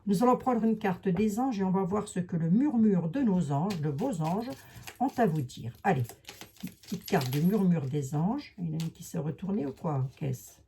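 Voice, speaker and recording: A woman's voice: on the low side, expressive, moderate pace, warm tone, slight background noise. Chatty woman with a Lorraine accent. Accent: Lorraine French. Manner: chatty, rambling, with many hesitations and asides. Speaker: tarot and oracle card reader. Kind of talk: casual card reading to viewers.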